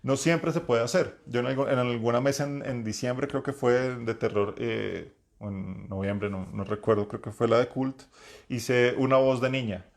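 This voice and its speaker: A man with a deep voice, hosting a live talk and giving game-master advice in a reflective way, with many fillers and restarts. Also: moderate pace, creaky. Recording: lower-quality live stream.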